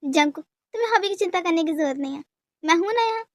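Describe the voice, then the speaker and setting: A woman voicing a steady young husband who talks in a calming, reassuring way. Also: very high voice, fast talker, no echo.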